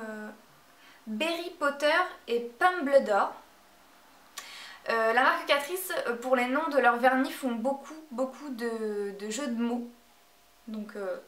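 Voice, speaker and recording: A woman's voice: fairly high pitch, a bit bright, distant mic. Hesitant woman vlogging in an echoey room. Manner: hesitant, many filler sounds. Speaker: beauty vlogger. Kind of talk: casual product review.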